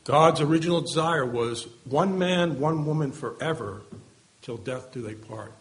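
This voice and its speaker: A man's voice: on the high side, unhurried. A man preaching an earnest sermon, asking rhetorical questions and letting his voice fall at the ends of phrases.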